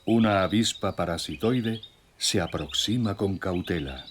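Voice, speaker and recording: A man narrating a scripted nature documentary in a measured, solemn storytelling way. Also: deep voice, background noise. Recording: music bed with nature sounds. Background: music, birdsong and nature sounds.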